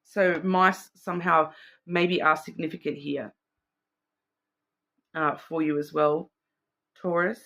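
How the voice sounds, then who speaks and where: A woman's voice: low-pitched, little pitch movement, slow pace, creaky, pauses often, fairly bright tone. Rambling woman reading cards. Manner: rambling and intuitive, thinking aloud with many fillers. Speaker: card reader. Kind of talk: casual psychic reading monologue.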